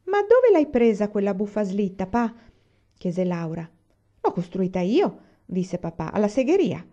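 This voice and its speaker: Woman narrator for a storybook reading, calm and measured, dark mellow tone, slightly dull lo-fi sound. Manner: lifts pitch and level for character quotes. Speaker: audiobook reader. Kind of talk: scripted narration.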